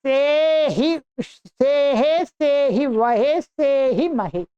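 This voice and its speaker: A woman teaching a language class, reciting verb forms one by one in a slow, deliberate chant for students to repeat. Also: high-pitched, dark tone, dull audio. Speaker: Sanskrit teacher. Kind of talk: reciting verb conjugations in a lesson.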